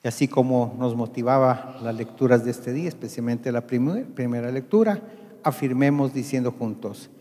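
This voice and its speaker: A man leading Mass as priest, praying in a calm, deliberate, solemn way, with a long cathedral echo around his voice. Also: medium pitch. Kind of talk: liturgical leading and prayer. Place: large church. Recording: long church reverb.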